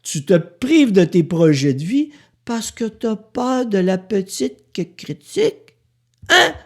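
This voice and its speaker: A Québécois man gives a motivational podcast monologue in a blunt, sarcastic, profane way. His voice sits a little high and leaps around in pitch. He talks straight to the listener as if to a friend. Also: big pitch swings, slow pace. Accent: Québécois French. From Quebec. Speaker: podcast host.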